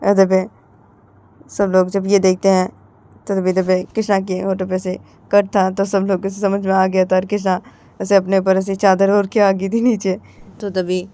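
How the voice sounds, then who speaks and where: A woman narrates a family love story in a casual, rambling way, stringing events together with repeated linking words. Her voice is mellow and soft-edged, at an ordinary pitch. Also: monotone, moderate pace.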